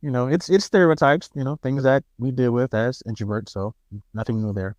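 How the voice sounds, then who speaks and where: This podcast co-host from Queens has a New York accent and a medium-pitched voice, captured in a dry recording. Chatting casually, he's soft-spoken and hesitant, often starting his sentences over in a self-deprecating way.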